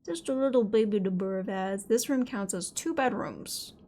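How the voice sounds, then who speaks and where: A woman's voice: mid-range voice, moderate pace, dark tone. A woman giving casual livestream game commentary, thinking and reacting aloud in a playful, slangy way. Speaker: game streamer.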